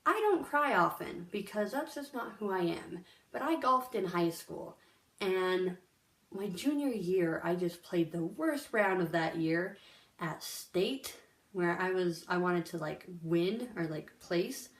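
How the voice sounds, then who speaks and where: A woman's voice: on the low side, lively intonation, slow. A young woman talking casually and earnestly to camera, with lots of fillers. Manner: chatty, filler-heavy, earnest. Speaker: vlogger. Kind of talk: casual vlog monologue. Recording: echoey room.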